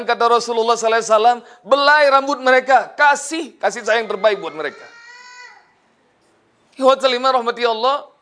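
A middle-aged man preaching a storytelling sermon, emotional, moving between hushed and raised passages. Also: very high-pitched.

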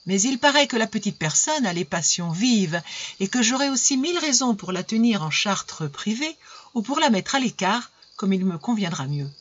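Woman narrator, husky, lively character reading, dull lo-fi sound. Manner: lively, voices characters with pitch jumps. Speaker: audiobook reader. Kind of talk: expressive literary reading. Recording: dull lo-fi recording.

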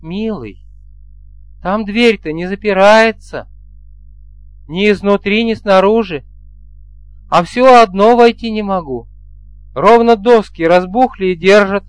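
A playful young bride with a raised, smooth voice, put on by a male audiobook reader. She speaks in light, coaxing, folksy phrases, and the sound is dry and close. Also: high voice, slow, pauses often, dry recording, pitched above the performer's own voice. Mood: puzzled.

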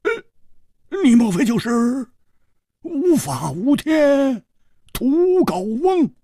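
A man's voice: a little high, wildly swooping pitch, slow, vocal fry, no room sound, clean studio sound, voice pushed up, full character voice. A man voicing a proud young swordsman who stammers when flustered, in a radio storytelling performance. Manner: stammering, indignant. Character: startled young male swordsman, blunt and proud.

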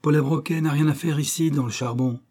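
A man doing a furious shouting train stoker. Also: on the high side, steady tone, a little fast, slightly rough, pitched above the performer's own voice. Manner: shouting, angry.

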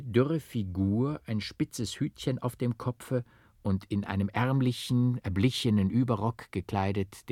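A man reading a classic novel aloud, in measured, rhythmic, carefully stressed scripted narration. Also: on the low side, darkish tone, dry recording, studio quality. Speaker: audiobook reader.

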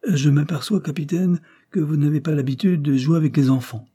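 A man reading the part of a calm, authoritative gentleman lawyer and father in a storybook reading, in a measured, firm manner. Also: medium pitch, husky, voice pushed up, close to an everyday voice.

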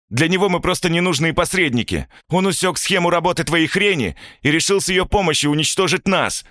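A man's voice: fairly high pitch, a bit bright, no echo, clean studio sound, pitched above the performer's own voice. A man voicing a wounded, bitter young male student who accuses his partner in crime.

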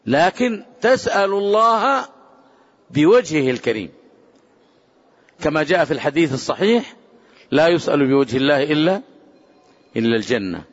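A man giving a religious lesson as a scholar, speaking emphatically and slowing down to quote prayers. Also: fairly high pitch, sing-song. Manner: emphatic, rising to forceful exclamations; measured, drawn-out quoting of prayers. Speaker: Islamic scholar teaching. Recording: dull lo-fi sound with long hall reverb.

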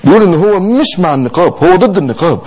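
A man's voice: high-pitched, animated, very fast, a little mellow, husky, low-quality recording. A man preaching in a sermon with an Egyptian accent, exhorting passionately and firing rhetorical questions.

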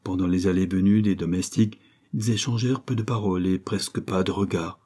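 A man reads a classic novel aloud in a measured, even narration. His voice sits low, dark and mellow. It has a husky edge. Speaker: audiobook narrator.

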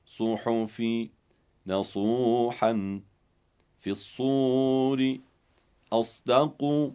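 A man with an Iranian Persian accent reciting single example words slowly and deliberately for a tajweed lesson. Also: medium pitch, warm tone, clean tone. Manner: slow, deliberate, each word set apart. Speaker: Quran reciter reading examples. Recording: dull lo-fi recording.

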